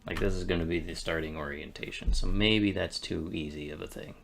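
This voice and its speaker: A man streaming game development, thinking aloud in a relaxed, musing way as he works at his computer. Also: low-pitched, creaky, a little hiss or hum. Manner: relaxed, musing, talks to himself between pauses. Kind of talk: casual thinking-aloud commentary while working.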